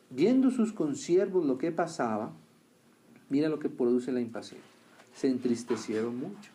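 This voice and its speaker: A man preaching a sermon who keeps asking his listeners questions and answering them, rising loud on key lines and dropping low and quiet on others. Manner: swings between raised emphatic lines and quiet low remarks.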